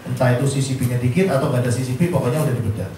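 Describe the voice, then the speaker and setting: A man gives a joking, lively motivational sales talk to insurance agents, acting out the voices he quotes. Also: mid-range voice, very fast. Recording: roomy, distant mic, faint background noise.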